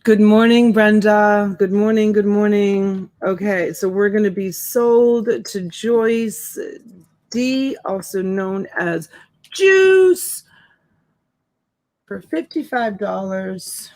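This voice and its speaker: This live-stream seller, a woman in her forties with a hint of a Boston accent, talks slowly in a medium-pitched, slightly mellow voice. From a home room with shelves, she hosts a laid-back auction over a desk USB mic, calling viewers by name and using endearments.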